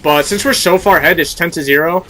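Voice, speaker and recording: Fast and forceful, his bright voice on the high side, a young man fighting a cold with a stuffy nose and sore throat narrates his game. He casually coaches and explains things to viewers, leaning heavily on fillers.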